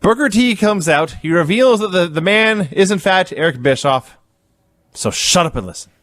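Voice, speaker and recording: Podcast co-host guy, wry and casual, fairly high voice, dry close sound. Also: lively intonation, normal speed, a bit bright, no room sound.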